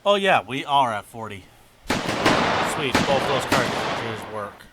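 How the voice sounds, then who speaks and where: A man giving excitable, casual commentary while playing a game, often chuckling to himself, with a noisy recording. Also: medium pitch, slow pace. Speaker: gameplay commentator. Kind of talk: casual let's-play commentary.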